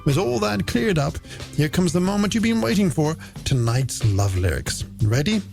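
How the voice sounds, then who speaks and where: With a music bed behind him, an Irish late-night radio host presents games and shout-outs in a polished, playful, theatrical style. His fairly high voice is gravelly and darkish, swinging widely in pitch at a moderate pace.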